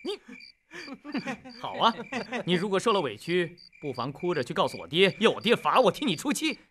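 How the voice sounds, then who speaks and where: An actor playing an arrogant young master who taunts and bullies a country youth. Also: male voice, sits high, very animated, moderate pace, fairly bright tone. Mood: mocking. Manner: mocking, taunting.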